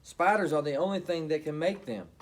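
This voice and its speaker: A curious, brave young girl who talks eagerly and gets excited easily, as a man reading aloud puts her on. Storybook read-aloud voice. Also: fairly high pitch, brisk, close to an everyday voice. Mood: gentle.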